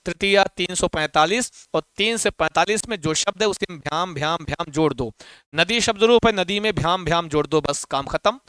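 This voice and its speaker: A man's voice: high voice, a bit bright, smooth, no echo. A male teacher running a live exam-prep class, chanting grammar forms. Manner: rhythmic rote chanting with repeated reassurance to students.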